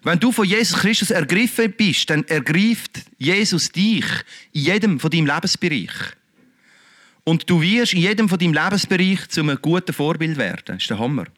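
A middle-aged man, preaching a lively, conversational sermon full of rhetorical questions. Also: a little high, brisk. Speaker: pastor.

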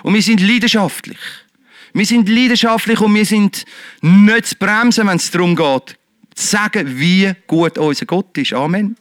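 A man preaching a lively sermon, shifting between loud exhortation and quiet, earnest talk. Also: sits high, moderate pace, no echo. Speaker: pastor.

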